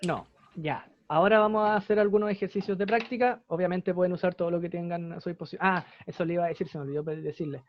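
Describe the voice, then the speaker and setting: High-voiced Chilean man teaching English. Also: fairly even intonation, fast talker, few pauses, dull audio. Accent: Chilean Spanish. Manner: patient, explanatory, repeats examples. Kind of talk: online class explanation.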